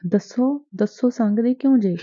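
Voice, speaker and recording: A woman's voice: a little high, moderate pace, dark tone, no echo, voice pushed up, close to an everyday voice. A woman voicing an innocent young village girl who asks wondering questions in a raised voice, read for an audiobook. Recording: dry, tinny phone-like sound.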